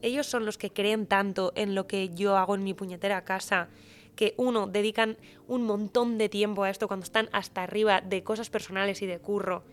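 A woman guest in a casual podcast conversation, talking in an animated, heartfelt and slangy way. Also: mid-range voice, a little fast. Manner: animated, emotional, slangy, often says "tío".

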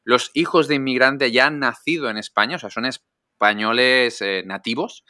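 A man hosts a casual chat, teasing and energetic. His voice is bright and forward, and the recording is dry and close. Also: mid-range voice, moderate pace, no echo. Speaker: host.

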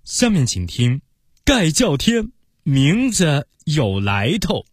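A man narrating a children's story in an expressive way, speaking to the young listeners as dear babies. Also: on the high side, slow pace.

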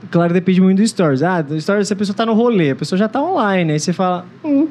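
A man's voice: high-pitched, animated, fast talker, a little mellow, a little hiss or hum. A man hosting a podcast in casual chat, telling stories playfully. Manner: playful storytelling, laughs often.

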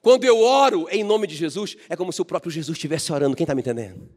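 A man's voice: a little high, fast talker, a little mellow. A Brazilian man preaching a fervent, emphatic sermon as a pastor, often asking the congregation if they understand. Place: church hall. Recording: echoey hall reverb.

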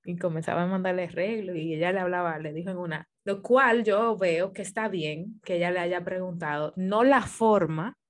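A woman's voice: lowish voice, a little fast, hardly any pauses. A woman guesting on a casual podcast, telling a story with lots of animation and frequent laughter.

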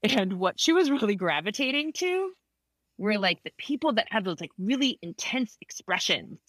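A woman therapist telling a story in a casual conversation, animated, laughing often and acting out quotes. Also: mid-range voice, moderate pace, no room sound.

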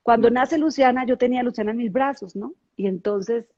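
A middle-aged woman appears as a guest on a podcast, recounting her life story with emotion and earnestness while repeating many words. Her voice sits on the high side, fairly quick and a little mellow, in dull audio with no room sound.

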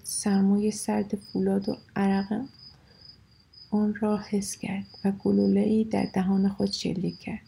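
A woman reads a story aloud in a measured, steady way. Her voice is heavily gravelly and husky, with a dark, mellow tone. Her pitch stays mostly flat. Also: poor audio. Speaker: narrator. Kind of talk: scripted story narration.

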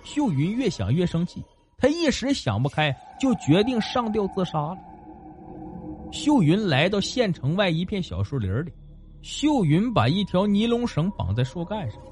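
Lively, high-voiced male storyteller. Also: moderate pace, faint music behind. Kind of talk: animated folk-tale narration.

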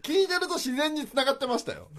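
A man's voice: extremely high pitch, lively intonation, quick pace, a crowd in the background. A man appearing as a guest on a radio show, chatting about recent programs in an enthusiastic, rambling way. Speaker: radio guest, video collector. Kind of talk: casual radio chat.

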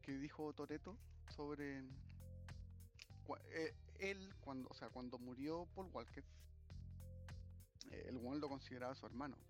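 A man with a Chilean accent, a co-host telling a story in casual chat, animated and full of slang. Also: medium pitch, measured pace, long pauses, soft background music.

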